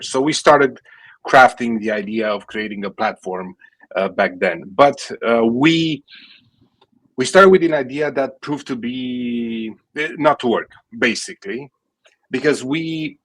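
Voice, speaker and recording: The recording is low quality, capturing a mid-range male voice with a fairly bright tone. The speaker is a late-thirties gaming startup founder from Romania, appearing as an interview guest and answering in fluent non-native English with a Romanian accent and many fillers and restarts.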